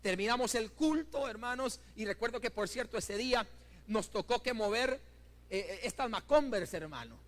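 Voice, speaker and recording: A high-voiced middle-aged pastor preaches in a church with fervent storytelling. He surges to loud, emphatic peaks and drops to hushed asides, constantly turning to the congregation as brothers. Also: lively intonation, moderate pace. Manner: keeps addressing the congregation as brothers. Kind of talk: sermon. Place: church building.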